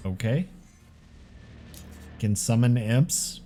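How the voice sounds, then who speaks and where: A man's voice: mid-range voice, lively intonation, drawn-out words, warm tone, a little hiss or hum. A laid-back man casually commenting while playing a video game, chatty and swearing freely. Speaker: gaming channel host. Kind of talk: casual let's-play commentary. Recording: commentary over game audio with faint music.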